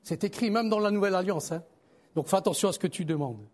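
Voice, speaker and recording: Speaking fast, a male preacher gives an animated, chatty sermon. He alternates between calling out loudly to listeners and dropping into low, quiet asides.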